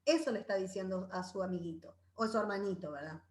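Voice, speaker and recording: A woman's voice: mid-range voice, fast talker, darkish tone, reverberant. A woman leading a parenting Bible class in a conversational way, often checking in with her listeners and acting out children's voices. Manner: conversational, tags phrases with "¿verdad?"; acts out children's voices in quotes. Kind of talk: informal Bible parenting talk.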